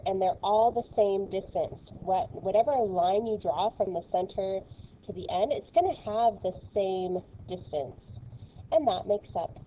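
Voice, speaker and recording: Playful woman math teacher, unhurried, recorded on a muffled home mic. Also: mid-range voice, a little hiss or hum. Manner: chatty and playful, with many fillers. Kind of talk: recorded video lesson.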